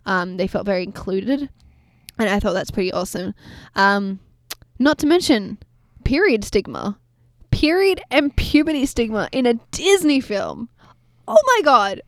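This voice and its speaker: A woman co-hosting a film podcast, chatting casually and gushing excitedly, rambling with fillers and apologizing for ranting. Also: mid-range voice, normal speed, no echo, clean studio sound. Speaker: podcast co-host.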